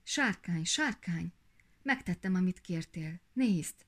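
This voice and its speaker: A woman's voice: fairly low pitch, lively intonation. A woman voicing a proud young princess, humbled and eager to go home. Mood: eager pleading.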